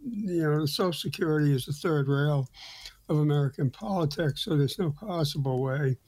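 Male finance host, raised pitch, halting and filler-heavy explanations. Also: darkish tone. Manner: halting, many fillers and restarts. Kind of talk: radio finance talk.

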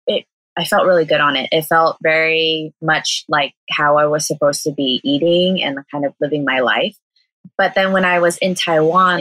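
Here a vegan cafe owner from Southern California, a young woman with an American accent, chats as an interview guest. Her voice is low with a fairly bright tone, captured dry and roughly. She laughs often and fills her talk with "like."

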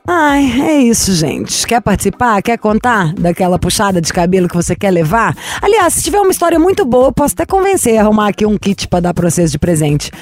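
A woman's voice: medium pitch, very animated, fairly quick, hardly any pauses, a little mellow, dry recording. A woman from Brazil, hosting a radio show with brash, teasing, playful banter. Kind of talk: bantering casual radio chat.

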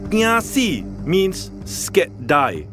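A man's voice: high voice, wildly swooping pitch, extremely slow, a bit bright, soft background music, exaggerated voice. A man playing a cheeky, blunt guest who explains Singlish in a Singaporean accent for a comedy show. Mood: blunt, exasperated. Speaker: special guest translating into Singlish. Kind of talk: comedic scripted language demonstration in Singlish.

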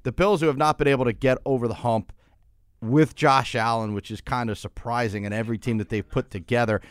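A man's voice: medium pitch, fairly even intonation, a little fast, no room sound, studio quality. A man hosting a sports radio show with casual, conversational commentary, often repeating and rephrasing himself as he goes.

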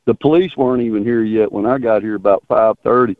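A man's voice: fairly low pitch, no room sound. Folksy man on tinny phone. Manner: folksy and halting. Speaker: radio show caller. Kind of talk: casual rambling chat. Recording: tinny narrowband phone line.

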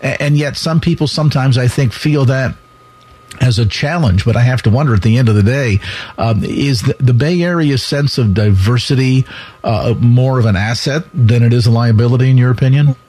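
A male radio host speaks at an ordinary pitch, with a husky edge to his voice. He builds long, measured questions before handing the floor to his guest. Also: a little mellow.

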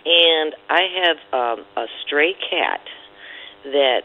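Slow, hesitant woman caller on the phone. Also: low-pitched. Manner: hesitant, with many "um"s. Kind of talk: call-in question on the radio. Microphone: telephone. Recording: tinny phone line.

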